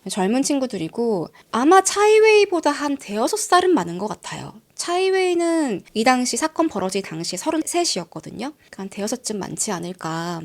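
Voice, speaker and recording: A woman's voice: on the high side, big pitch swings, brisk, few pauses. A woman hosting a storytelling channel, telling a true-crime story in a chatty way and addressing her listeners directly. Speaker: storyteller host.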